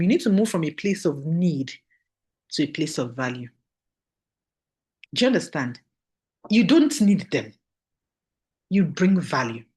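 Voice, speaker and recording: A woman's voice: lowish voice, a little mellow. A woman with a Nigerian accent giving a motivational training talk, emphatic and repeating key phrases while checking that listeners follow. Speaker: business trainer.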